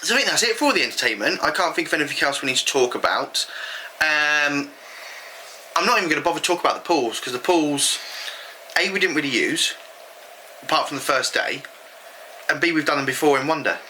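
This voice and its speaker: A man's voice: fairly high pitch, lively intonation, a little fast, pauses often, pushed and bright, slight background noise, low-quality recording. A British man co-hosting a vlog, chatting casually with frequent ums. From United Kingdom. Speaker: vlog co-host. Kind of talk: casual chat.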